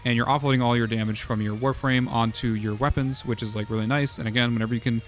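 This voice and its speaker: Hoarse man rambling about game builds. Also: mid-range voice, steady tone, fast, soft background music. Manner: rambling, full of "uh" and "like". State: hoarse, losing his voice. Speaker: streamer. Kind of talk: casual game strategy talk.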